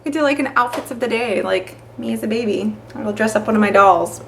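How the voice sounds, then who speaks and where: A young woman chatting to the camera as a vlogger, telling stories with lots of fillers in an animated way. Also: on the high side, brisk, gravelly, slight background noise. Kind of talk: casual chat to camera.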